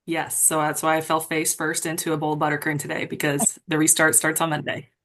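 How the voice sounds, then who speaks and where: A woman's voice: sits low, monotone, fairly quick, a bit bright. Chatty woman giving a pep talk. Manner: chatty, rambling and self-deprecating. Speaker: team leader on a wellness sales call. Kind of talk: casual motivational pep talk. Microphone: video call.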